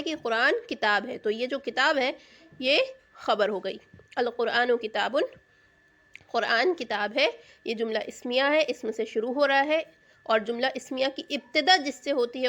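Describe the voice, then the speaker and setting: Patient woman teacher with a higher voice. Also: fairly bright tone. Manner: patient, repeats key terms and asks rhetorical check questions. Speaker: Arabic grammar teacher. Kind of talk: explanatory lesson in Urdu.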